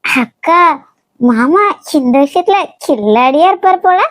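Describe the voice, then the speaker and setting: A woman's voice: sits high, animated, measured pace, no room sound. A woman voicing a cheeky, teasing younger sister in a cartoon.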